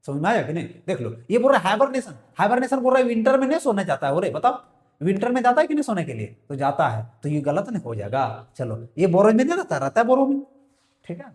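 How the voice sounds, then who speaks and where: A man's voice: high-pitched, big pitch swings, fast talker, a little mellow. A male biology teacher, working through exam questions in a quizzing way, repeating each question and answering it himself. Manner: quizzing, repeats his own questions and answers them, calls students "बालक". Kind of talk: exam-prep lecture, solving multiple-choice questions aloud. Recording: echoey room.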